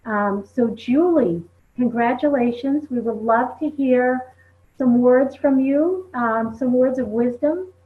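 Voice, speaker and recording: A woman's voice: high-pitched, slow. Chatty woman on a tinny phone line. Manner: chatty, peppered with "you know". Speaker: team leader hosting a recognition call. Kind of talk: conversational group call.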